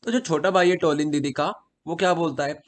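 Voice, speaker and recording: Hindi-speaking guy from madhya pradesh teaching chemistry, slightly high voice, repeats everything twice. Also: steady tone, brisk. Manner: repeats key points, asks and answers own questions. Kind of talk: casual exam-prep lesson.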